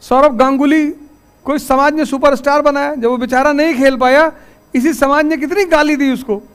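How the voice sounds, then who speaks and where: A man lectures his students in a high-pitched voice, moving from wry anecdotes to pointed rhetorical questions. When he sets the rules of his class, he turns firm and commanding. It has the tone of a motivational classroom talk. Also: fairly even intonation, normal speed, fairly bright tone. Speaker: teacher addressing a class.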